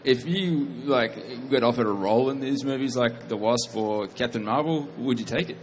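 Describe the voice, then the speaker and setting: A man's voice: mid-range voice, normal speed, a little hiss or hum. Hesitant man asking a question. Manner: hesitant, filler-heavy. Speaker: audience member asking a question. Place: convention hall.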